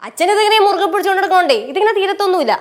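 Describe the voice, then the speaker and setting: An actress playing a brash, pushy young married daughter in a TV sitcom. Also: female voice, very high-pitched, racing. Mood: demanding. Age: young adult. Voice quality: pushy, sassy. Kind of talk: TV sitcom acting. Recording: TV sitcom with faint music.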